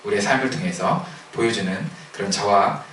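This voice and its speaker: A man's voice: on the low side, normal speed, a bit bright, a little hiss or hum. Male preacher, conversational sermon, asks questions; very echoey room, distant mic.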